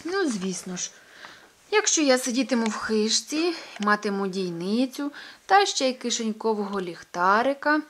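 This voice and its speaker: A cheeky little storybook cat, a lively young male, talks in a quick, indignant voice pitched a bit above the reader's own, as a woman puts him on. He sounds bold but small. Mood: wary.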